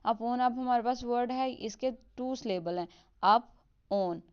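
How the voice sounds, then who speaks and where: A woman explaining a literature lesson, mixing English terms into her Hindi and reading example lines slowly. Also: a little high, clear, resonant tone, lo-fi sound. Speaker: teacher.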